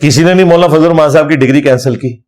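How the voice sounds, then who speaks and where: Animated man giving a scornful religious lecture. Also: a little high. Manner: animated, scornful, recites Arabic verses. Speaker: Islamic scholar.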